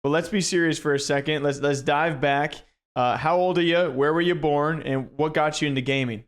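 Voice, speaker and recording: A man from Iowa runs an interview in a fairly high voice. He ribs his guest with mock exasperation. His questions come in quick, loose banter. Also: fairly even intonation. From Iowa, USA. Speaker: interviewer, host. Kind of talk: casual interview.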